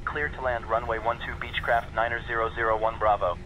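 Male pilot over cockpit radio: flat, clipped readback, muffled transmission. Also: medium pitch, brisk.

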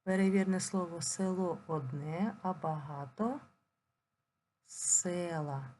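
A woman teaching a primary school language lesson, dictating slowly and clearly and drawing words out syllable by syllable. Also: on the low side, warm tone, a little hiss or hum. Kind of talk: recorded online lesson.

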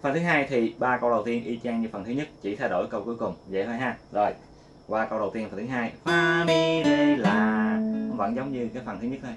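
Man teaching guitar. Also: mid-range voice. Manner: sings note names slowly between quick explanations. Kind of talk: casual guitar lesson. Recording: loud guitar playing along.

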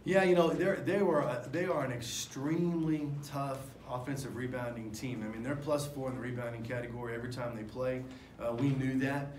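A man's voice: medium pitch, fairly even intonation, a little fast, few pauses, darkish tone. Middle-aged coach guy at a postgame presser, talks in loose restarts and um's, table mics, echoey room. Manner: candid, rambling with many fillers and restarts. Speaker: head basketball coach. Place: press room in front of a sponsor backdrop. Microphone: table microphones. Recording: echoey room with faint noise.

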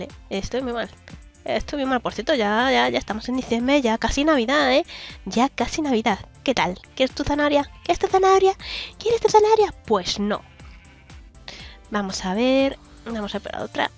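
A young woman giving casual, giggly commentary while playing a video game, humming to herself, her throat a little sore. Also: a little high. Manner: chatty, giggly, hums and sings to herself. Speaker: gaming YouTuber.

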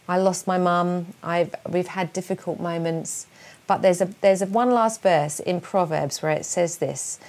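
Speaking from a small indoor room at home, a woman from England in her forties delivers an encouraging, earnest devotional keynote and prays for young people, using open hand gestures. A lapel mic records her fairly low-pitched, gravelly, darkish voice.

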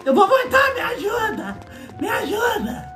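A man voicing a panicked, whiny man in a role-play game who pleads and shouts for help because his house is on fire. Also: extremely high pitch, wildly swooping pitch, unhurried, over music, heavily acted. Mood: frantic. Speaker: streamer playing a role-play game character.

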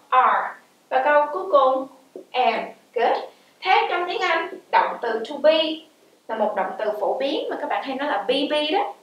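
A woman teaching an English grammar lesson in a lively way, asking the class questions and answering them herself, and reading her English examples out slowly and clearly. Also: high voice, highs cut off. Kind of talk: explaining grammar in a video lesson. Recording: very echoey room, voice from a distance.

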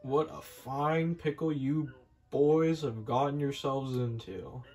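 A man doing a soft-spoken wise old kettle. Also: medium pitch, steady tone, takes it slowly, close to an everyday voice, poor audio. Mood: grave. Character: wise old male kettle, gentle mentor.

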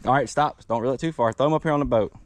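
A fishing channel host talks very fast in a casual outdoor vlog, chatting and coaching his young son as they bass fish from a boat on a river. It's captured on an action camera mounted on the boat, so the outdoor audio carries clear wind and water noise.

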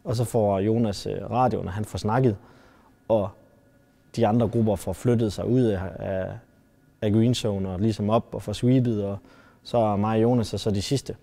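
A man from Denmark, likely in his thirties, recounting his time as a soldier in combat, halting and often restarting his sentences. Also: on the low side, fairly even intonation, vocal fry, dark tone. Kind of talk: personal storytelling.

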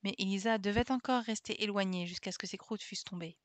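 Woman reading a kids' classic out loud on stream, calm steady, dry close mic. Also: mid-range voice, quick pace, no echo. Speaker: streamer reading an audiobook aloud. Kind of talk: reading a classic children's novel aloud.

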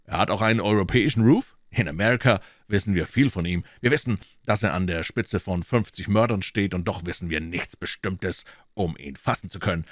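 A man voicing an earnest young male American detective who talks urgently and loudly. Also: low-pitched, a little fast, no room sound, studio quality, close to an everyday voice.

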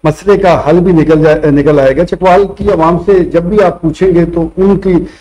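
A man's voice: on the high side, steady tone, measured pace, dark tone, muffled recording. A male talk show host with a Punjabi Urdu accent, asking guests long formal questions in a studio panel discussion. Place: TV studio set. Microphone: table mic.

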